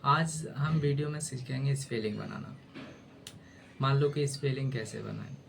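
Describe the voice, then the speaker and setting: A man's voice: mid-range voice, normal speed, creaky, slight background noise. A male teacher gives a casual spoken lesson, spelling letters aloud and often asking "है ना?".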